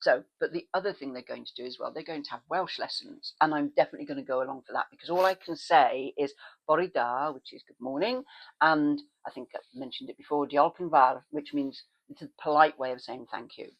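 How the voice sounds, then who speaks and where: Woman, chatty vlogger, rambling asides, lively pitch swings. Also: fast, gravelly, husky, muffled recording. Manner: animated, with sudden pitch leaps when excited. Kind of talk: casual chat.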